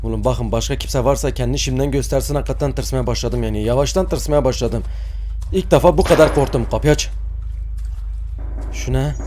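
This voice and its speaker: A man's voice: medium pitch, brisk, warm tone, slight background noise. A young man playing a horror game and commenting as he goes, acting brave, then yelping and shrieking in fright and muttering prayers. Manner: jumpy, mock-brave, yelps and screams in fright, mutters prayers when scared. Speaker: gaming YouTuber.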